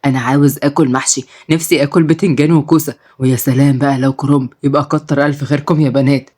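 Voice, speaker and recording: A woman's voice: a bass voice, steady tone, racing, slightly rough, pitched below the performer's own voice. A woman voicing an elderly grandfather, kindly and protective, in an Egyptian accent. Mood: warm, fond. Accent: Egyptian Arabic. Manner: gentle, affectionate, slightly weary.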